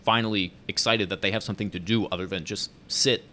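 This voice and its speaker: A man's voice: lowish voice, fairly even intonation, fast, bright, forceful tone, a little hiss or hum. A man co-hosting a casual chat, reading news headlines aloud and adding wry joking asides.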